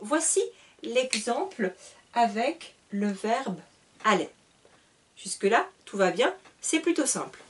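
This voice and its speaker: A woman's voice: a little high, lively intonation, slow, long pauses, slight background noise. A woman teaching a French grammar lesson at a whiteboard. She spells out word endings letter by letter and corrects herself patiently as she goes. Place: classroom at a whiteboard. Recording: voice a little far from the mic.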